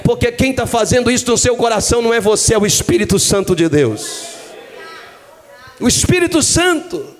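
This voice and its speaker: Pastor with a very high voice in an echoey hall. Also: male voice, big pitch swings, normal speed. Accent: Brazilian Portuguese. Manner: passionate preaching, swings from low and hushed to loud shouting. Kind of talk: sermon.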